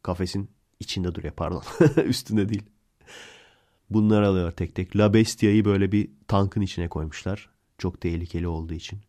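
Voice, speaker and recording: A man's voice: sits low, fairly even intonation, fairly quick, dark tone. A man hosting a podcast, casually retelling a film plot in a rambling way and correcting himself as he goes. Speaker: podcast host.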